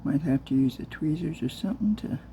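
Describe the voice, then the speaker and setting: Woman, hands-on crafter narrating a casual vlog; low, very dark tone, muttering to herself as she works. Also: lively intonation, brisk, slight background noise. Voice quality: soft-spoken, talks low on purpose. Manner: mutters to herself while working with her hands. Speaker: crafter making silicone molds.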